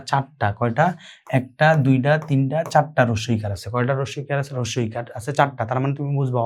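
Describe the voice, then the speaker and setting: A man from Bangladesh, teaching an exam-prep grammar lesson. He asks his students questions, answers them himself and keeps checking with "okay?" and "clear?". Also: medium pitch, darkish tone.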